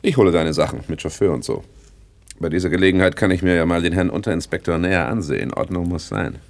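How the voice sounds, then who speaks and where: In a 1960s German radio play, an actor with a deep, gravelly voice speaks fast and smugly as a slick, self-important small-time crook turned businessman, pompous and self-satisfied.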